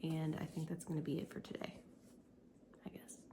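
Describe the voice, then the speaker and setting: A tired woman vlogging her day as a crochet business owner and homeschooling mom, whispering softly and rambling with lots of ums late at night at home. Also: low-pitched, monotone, moderate pace, vocal fry, low-quality recording.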